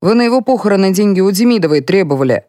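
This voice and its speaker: A woman's voice: medium pitch, very fast, no room sound, clean studio sound, close to an everyday voice. A woman reading a weary, indifferent young male policeman who speaks listlessly, in an audiobook. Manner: listless, flat, sighing.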